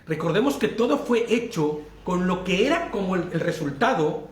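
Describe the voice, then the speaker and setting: High-voiced Mexican man leading Bible study. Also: animated, normal speed, reverberant. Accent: Mexican Spanish. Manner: questioning, checks in often with his listeners; laughs easily while teaching. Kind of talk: interactive Bible study lesson.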